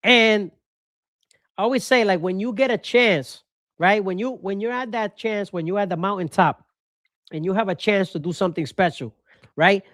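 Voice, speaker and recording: A man's voice: high-pitched, moderate pace, fairly bright tone, dry recording, studio quality. A man from Rico, hosting a baseball podcast with passionate, opinionated commentary and repeating his points for emphasis. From Puerto Rico.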